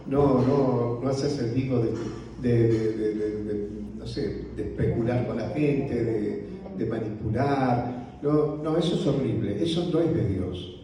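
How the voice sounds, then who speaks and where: A male pastor with a Rioplatense Spanish accent teaching on leadership in a church, speaking softly and slowly, often ending phrases with a questioning "right?". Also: medium pitch, a little hiss or hum. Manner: slow, unhurried delivery with frequent "¿no?" tags; softly spoken. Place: church hall. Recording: roomy hall audio from a distance.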